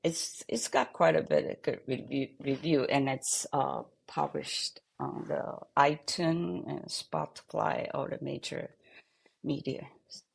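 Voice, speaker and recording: An older woman from Taiwan, a pianist and composer, speaking in an interview and trailing off softly at the ends of phrases. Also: deep voice, steady tone, vocal fry, breathy edge. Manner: halting non-native English, trailing off softly at phrase ends. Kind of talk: interview conversation.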